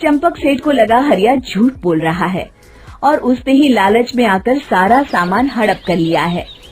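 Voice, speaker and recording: A woman's voice: fairly high pitch, expressive, unhurried, faint music behind. A woman narrating a scripted moral story for children.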